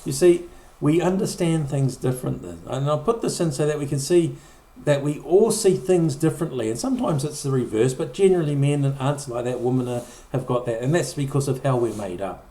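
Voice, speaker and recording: A man's voice: medium pitch, fairly quick, few pauses, warm tone. A middle-aged man preaching a conversational sermon, often repeating or restarting words and acting out short quoted lines. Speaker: pastor. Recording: echoey room.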